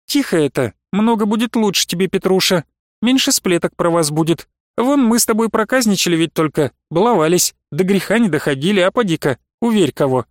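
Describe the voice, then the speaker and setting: A man's voice: high voice, animated, fairly quick, dry recording, clean studio sound, voice pushed up. A man putting on a bold teasing young village woman. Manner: teasing, coaxing, then fiery. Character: lively teasing young peasant woman, bold and quick-tempered.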